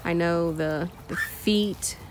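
A woman narrates her farm vlog outdoors in a poultry pen, filming on a phone. She speaks slowly and unhurriedly in a lowish voice, with plenty of ums and restarts. Quacking ducks and clucking chickens come through clearly around her. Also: fairly even intonation, heavy background noise. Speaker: farm vlogger. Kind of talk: casual narration while filming.

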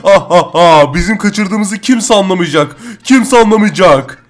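A man voicing a smug male kidnapper in a game roleplay, speaking slowly and gloatingly. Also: high voice, lively intonation.

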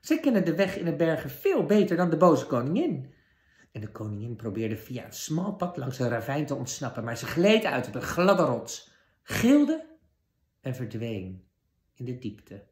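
Male storyteller, fairy tale for kids, animated pitch, echoey room. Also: moderate pace. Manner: lively, expressive narration. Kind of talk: children's fairy tale read-aloud. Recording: roomy echo.

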